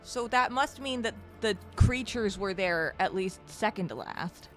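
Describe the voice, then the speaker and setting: A woman's voice: mid-range voice, lively intonation, a little slow. A woman co-hosting a game stream with casual, playful, joking chat. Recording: music behind.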